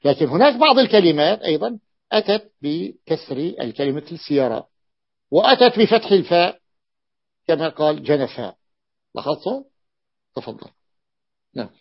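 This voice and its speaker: A man's voice: fairly high pitch, big pitch swings, moderate pace, vocal fry, long pauses, husky, dull audio. A male teacher explaining word patterns in a classroom lesson, repeating forms and checking the students with questions. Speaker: teacher explaining Arabic morphology.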